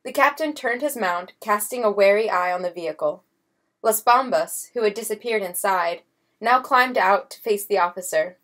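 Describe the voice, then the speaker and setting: A woman narrating a storybook chapter in a measured reading voice. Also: medium pitch, a bit bright. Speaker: audiobook narrator. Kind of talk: scripted narration.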